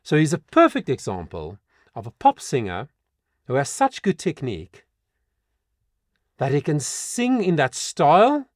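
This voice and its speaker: Male vocal coach, middle-aged, lively and a bit high, dry close sound, animated song breakdown. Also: clear, resonant tone, no echo. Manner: animated, breaks into sung demonstrations. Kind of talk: song reaction and vocal analysis.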